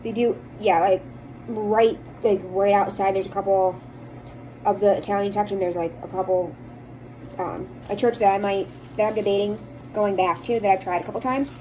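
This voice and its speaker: A woman's voice: medium pitch, fairly even intonation, normal speed, mellow, a little hiss or hum, poor audio. An American woman chatting casually to viewers in a rambling, opinionated way, as a vlogger does. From United States. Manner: rambling, chatty, emphatic about likes and dislikes. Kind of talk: casual chit-chat to viewers.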